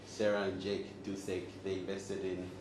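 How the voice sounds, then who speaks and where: A Zambian man with a lowish voice hosts and speaks to a live audience in an event room, joking a lot and quizzing the crowd to keep them engaged. His delivery is completely flat at a moderate pace, and the echoey room carries noise behind him.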